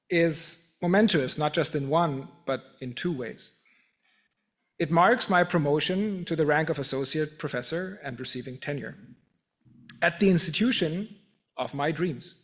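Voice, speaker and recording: German-accented man giving a formal speech. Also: a little high. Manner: measured, self-deprecating, occasional restarts. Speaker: professor giving an acceptance speech. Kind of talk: formal prepared speech with humor.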